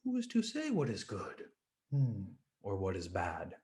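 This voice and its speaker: A man voicing a very old farmer from a parable, speaking calmly and quietly. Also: on the low side, pitched below the performer's own voice. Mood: serene. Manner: calm, hushed, unhurried. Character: very old, serene wise farmer.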